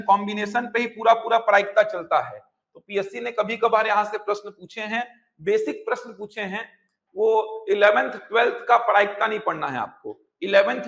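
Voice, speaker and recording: Male coaching teacher, bright edge, high voice, teaching in an echoey classroom. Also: gravelly. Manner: explains by repeating terms in Hindi and English. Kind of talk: classroom lecture.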